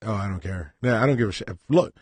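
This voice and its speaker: A man from Southern California with a low, husky voice rattles along at a quick clip, blunt and profane in casual podcast chat. The sound is dry and close, with no room around him. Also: darkish tone, no room sound. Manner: blunt, profane, mock-patriotic ranting. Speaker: podcast co-host.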